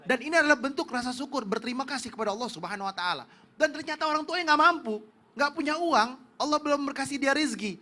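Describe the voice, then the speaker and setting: High, bright-voiced male preacher. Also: animated, fast. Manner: earnest, explaining religious rulings with frequent fillers. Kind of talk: religious talk show lecture.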